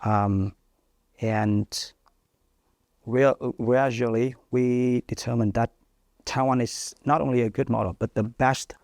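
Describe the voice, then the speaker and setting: A man in his thirties from northern Vietnam, a native Vietnamese speaker, answering interview questions thoughtfully with frequent pauses and fillers. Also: medium pitch, steady tone, darkish tone, no room sound. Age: 30s. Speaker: journalist guest.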